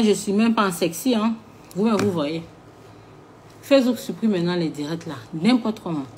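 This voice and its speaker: A woman's voice: mid-range voice, slight background noise. A woman hosting a late-night live stream, agitated and complaining as she talks to her viewers. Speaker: livestream host.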